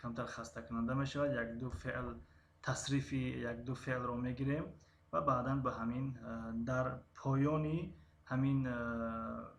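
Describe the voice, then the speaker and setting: Gravelly Tajik-accented man teaching a lesson. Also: mid-range voice, fairly even intonation, roomy sound. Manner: slow, drawn-out syllable drills with frequent hesitations. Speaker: language teacher on a live stream. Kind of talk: live-streamed language lesson.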